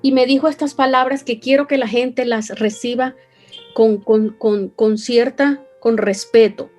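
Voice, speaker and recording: A woman's voice: fairly high pitch, steady tone, measured pace, a little mellow, faint music behind. A Venezuelan woman with a Venezuelan accent, earnestly telling an emotional personal story as an interview guest. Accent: Venezuelan Spanish. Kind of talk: personal testimony.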